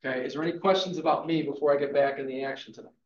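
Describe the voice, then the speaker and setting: A man's voice: medium pitch, fairly even intonation, very fast, background noise. A man in his fifties giving an emphatic, motivational real estate lecture to a live class, punctuating points with "okay". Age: 50s. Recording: echoey room, dull lo-fi sound.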